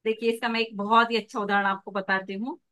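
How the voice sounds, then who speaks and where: A woman coach teaching an online class over a video call, lively and acting out examples as she explains. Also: mid-range voice, fast talker. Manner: lively, demonstrates with acted examples. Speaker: pregnancy coach.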